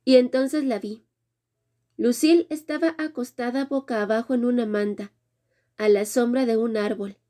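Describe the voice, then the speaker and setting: A woman reads a first-person romance story aloud in a measured, dramatic way. Her voice sits a little higher than most women's, yet the tone stays soft and mellow. She carries the narration steadily at an even pace. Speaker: audiobook narrator.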